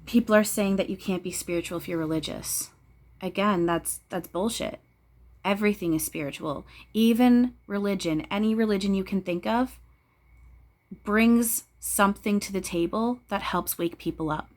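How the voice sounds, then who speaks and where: A woman's voice: medium pitch, normal speed, a little mellow. A woman giving a casual spiritual talk to viewers, blunt and preachy, swearing freely and repeating phrases for emphasis. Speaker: spiritual channeler speaking to viewers.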